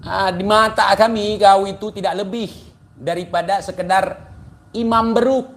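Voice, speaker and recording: A man's voice: high voice, steady tone, normal speed. A man giving a ranting, taunting commentary, mocking and insulting his target.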